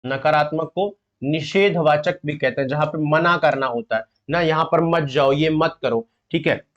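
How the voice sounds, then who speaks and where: High-pitched male tutor teaching an online exam-prep class, questioning students and explaining patiently. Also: normal speed. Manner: quizzing students and explaining step by step; addresses students fondly as "beta". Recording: dull lo-fi audio.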